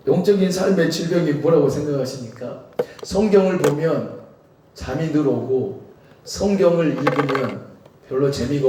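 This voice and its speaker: A man's voice: mid-range voice, warm tone, slight background noise. A male pastor with a Jeolla Korean accent preaching a sermon in a church sanctuary, talking conversationally and asking the congregation rhetorical questions. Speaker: senior pastor. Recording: very echoey church hall, distant mic.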